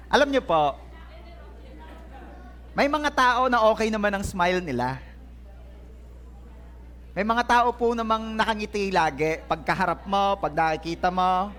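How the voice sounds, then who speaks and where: Joking playfully with his congregation, a pastor preaches a lively sermon in a church hall at a measured pace, leaving long pauses. His voice is high and a bit bright with lively intonation, and the recording of the service catches a faint crowd laughing and responding.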